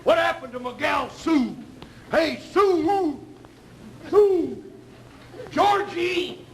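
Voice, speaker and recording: High-pitched, bumbling, boastful comic cowboy. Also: male voice, lively intonation, a little slow, vocal fry, full character voice. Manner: clownish, breaks character to joke with audience. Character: bumbling boastful cowboy gunslinger in a western sketch. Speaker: comedian. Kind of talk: broad live TV comedy sketch. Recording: noisy, echoey old stage recording, loud audience.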